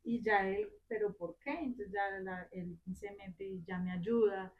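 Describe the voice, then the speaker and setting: A woman's voice: mid-range voice, fairly even intonation, a little slow, dull audio, slight background noise. A woman, a mother, earnestly sharing a personal story about her children during a class discussion.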